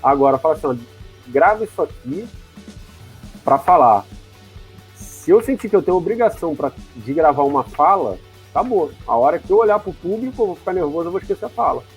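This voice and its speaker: A man's voice: on the high side, expressive, fast, hardly any pauses, husky, soft background music, low-quality recording. A man hosting an interview, talking hesitantly and often adding tag questions. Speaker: interview host. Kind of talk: casual interview.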